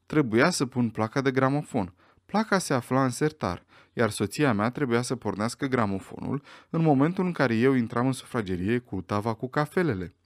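A man's voice: medium pitch, expressive, no room sound, clean studio sound, lightly acted. A man voicing a panicky pleading butler. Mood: explaining. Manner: anxious, protesting. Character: frightened middle-aged male butler, pleading.

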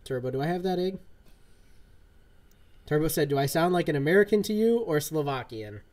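Animated and fairly quick, this man has a slightly high voice with a darkish tone. He's in his thirties, livestreaming from his gaming room at home, and his casual chatter during play is laid-back and rambling, packed with fillers.

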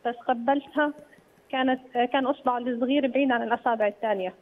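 A woman's voice: on the high side, steady tone, racing, slight background noise. Levantine woman on a tinny phone line. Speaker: phone-in caller. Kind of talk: casual recounting. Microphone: telephone.

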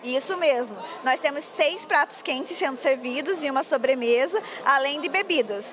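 A woman's voice: high voice, moderate pace, a crowd in the background. A woman, fluently explaining her work in a live news interview at an indoor fair. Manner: fluent, explanatory, occasional stumbles. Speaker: agro-industry coordinator interviewed. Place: busy indoor food fair. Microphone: handheld reporter mic.

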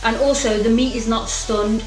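A young British woman chats playfully on a home cooking livestream, reading viewer comments and calling them darling. Her fairly high voice keeps a steady tone at a moderate pace, recorded from a distance in a roomy, echoing kitchen with faint music and frying sizzle behind her.

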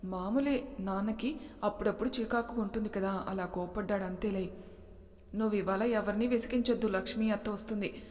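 A woman voicing a patient, gentle young wife and mother who speaks calmly and softly, with a long reverb. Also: mid-range voice, a little fast, close to an everyday voice.

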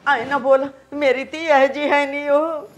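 A woman plays an older village mother, worried sick and pleading through tears. Her voice is high. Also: fairly even intonation, moderate pace, highs cut off, natural voice. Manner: pleading, tearful. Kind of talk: village short film acting.

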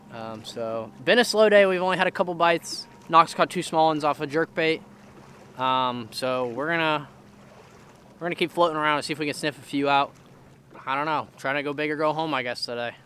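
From an open boat on a lake, a young adult fishing vlogger chats in a relaxed, meandering way into an action camera close to his face. His voice is a bit high and sharp, and there's a slight hiss or hum in the recording.

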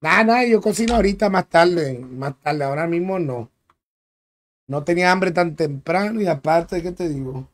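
A man's voice: a little high, animated, moderate pace. A young man streaming a game live, chatting in a laid-back way, repeating himself and greeting viewers by name. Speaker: gaming streamer.

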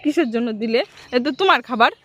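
Mom on the roof chatting w her little girl, kinda high voice, patient, lots of umms. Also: animated, fast talker, fairly bright tone, slight background noise. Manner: patient, coaxing questions with frequent hesitations. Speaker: mother talking with her young daughter. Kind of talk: casual home vlog chat. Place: home rooftop, outdoors.

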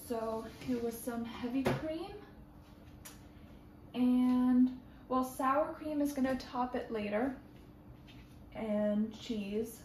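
Chatty young woman cooking in an echoey kitchen. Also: a little high. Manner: chatty, self-narrating, with frequent ums. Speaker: cooking vlogger. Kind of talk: casual cooking vlog chat. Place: home kitchen. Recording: echoey kitchen with sizzling noise.

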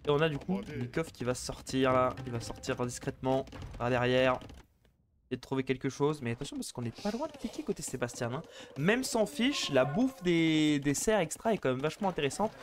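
A man casting a live strategy game match, chatty and excitable, bantering with viewers between plays. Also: fairly high pitch, fairly quick, slight background noise. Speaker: esports caster.

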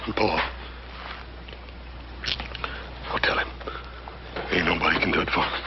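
Low-voiced, guilt-stricken gentle cowboy. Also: male voice, steady tone. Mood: grave. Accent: American West, rural. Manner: plain folksy speech, heavy and halting. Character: big gentle young cowboy son, guilt-stricken, tender-hearted. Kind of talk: 1960s TV western acting. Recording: muffled, noisy old television soundtrack.

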